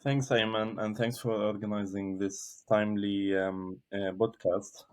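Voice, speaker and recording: Low-voiced thoughtful man from Gaza. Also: little pitch movement, darkish tone. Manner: measured, thoughtful, frequent hesitations. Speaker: podcast guest, researcher. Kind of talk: reflective interview answers.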